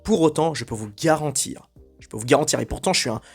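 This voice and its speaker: A man with a slightly high voice rants through a blunt commentary monologue. He sounds indignant, circles back on himself and fills gaps with hesitations. Soft music plays quietly behind him. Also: fast talker, vocal fry, husky. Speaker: video commentator.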